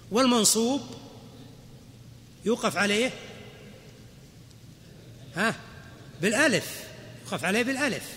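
A man with a high-pitched, sharp and bright voice lectures on grammar like a sheikh at a lesson, breaking each rule into small steps and tossing quick questions to his students. His voice rings in a reverberant hall over a faint background hiss. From Saudi Arabia. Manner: explains step by step, quizzing the class with quick questions. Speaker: sheikh teaching Arabic grammar. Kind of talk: classroom lecture.

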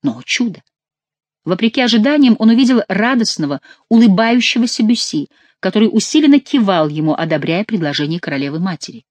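A narrator giving an expressive, theatrical reading of a historical novel. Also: medium pitch, fairly quick, dry recording. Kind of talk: audiobook narration.

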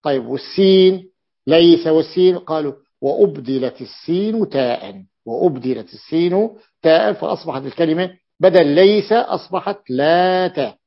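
Gravelly-voiced sheikh going over grammar slowly, says stuff twice, muffled lo-fi audio. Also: male voice, fairly high pitch. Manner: deliberate, repeats key words, hums "ah" between points. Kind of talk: classical grammar lesson. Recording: muffled lo-fi recording.

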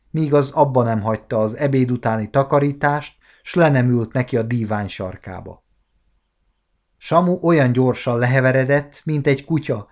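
A man in his forties narrating a classic novella as an audiobook, measured and expressive. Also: mid-range voice. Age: 40s. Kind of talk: scripted literary narration.

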